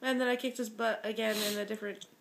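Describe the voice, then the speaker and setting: A young woman from Michigan talks casually, laughing often and filling her story with "like". Her voice sits a little high. She sounds relaxed and chatty. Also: fast talker, vocal fry. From Michigan, USA. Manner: giggly, chatty, full of "like". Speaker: visiting guest.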